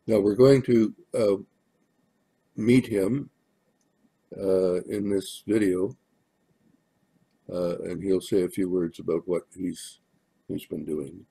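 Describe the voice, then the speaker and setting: An older minister giving church announcements in a hesitant way, with many pauses and fillers. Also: male voice, deep voice, fairly even intonation, creaky, mellow, breathy edge. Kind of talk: sermon announcements.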